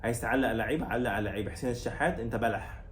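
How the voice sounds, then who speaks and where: Rapid-fire and medium-pitched, this Egyptian Arabic-accented channel host and football commentator fumes over a match in an echoey room with slight background noise. His sarcastic, angry rant keeps repeating its complaints and takes the coach to task.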